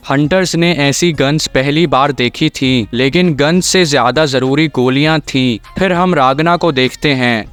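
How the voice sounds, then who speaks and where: Smooth-voiced male anime recap narrator. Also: medium pitch, no room sound. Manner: steady storytelling. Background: faint music.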